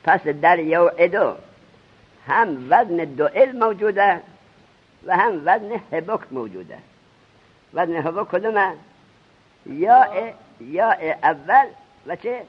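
A male religious teacher giving a seminary grammar lesson, quizzing his students with rapid questions. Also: high-pitched, lively intonation, breathy edge. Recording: dull lo-fi recording.

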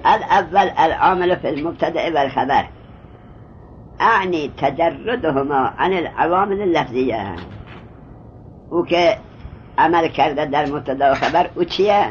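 A man teaching Arabic grammar, reading lines of text slowly and explaining them step by step, often stopping to quiz his student. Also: fairly high pitch. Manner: reads Arabic text slowly, then glosses it. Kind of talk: Arabic grammar lesson in Persian. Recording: dull lo-fi recording, faint background hiss.

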